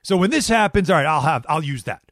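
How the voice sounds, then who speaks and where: Middle-aged male sports radio host, fifties, slightly high voice, emphatic and conversational, very dry recording. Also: expressive, quick pace, fairly bright tone, no echo. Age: 50s. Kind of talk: casual sports talk chat.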